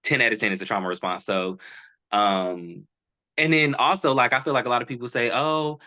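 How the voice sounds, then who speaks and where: A young man from Charlotte, North Carolina, opening up as a podcast guest, reflective and animated, often restarting his thoughts. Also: mid-range voice, fairly quick. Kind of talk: candid personal conversation.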